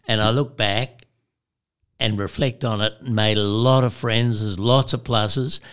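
A man's voice: lowish voice, steady tone, measured pace, fairly bright tone, clean tone. An older Australian man, a former publican and fly fisher, telling stories as an interview guest, chuckling and acting out the voices of people in them. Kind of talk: anecdotal storytelling.

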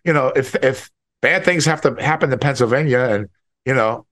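Male American co-host, medium pitch, casual political chat, halting, stammering and disdainful. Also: a bit bright.

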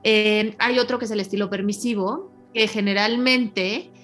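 Woman, parenting guest, measured explanations, tag questions, mid-pitched, soft music behind. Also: steady tone. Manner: measured, explains with frequent "¿no?" and "etcétera". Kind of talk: explanatory conversation.

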